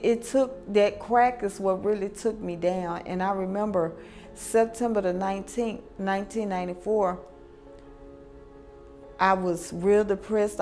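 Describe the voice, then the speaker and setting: A woman's voice: medium pitch, a little mellow. A woman giving a heartfelt personal testimony as a radio guest, telling her story plainly with fillers.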